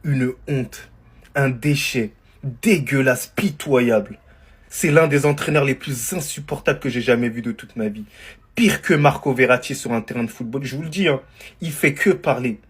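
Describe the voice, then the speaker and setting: Scornful man with a husky voice. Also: medium pitch, moderate pace. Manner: scornful, piles up insults. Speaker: football commentator. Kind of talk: indignant casual rant.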